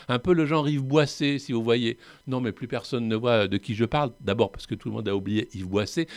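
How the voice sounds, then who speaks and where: A man's voice: medium pitch, no room sound. A man hosting a radio show, talking casually in a digressive, wry and self-mocking way with frequent hesitations, recorded in a studio. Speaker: radio host presenting films. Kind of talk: casual spoken commentary.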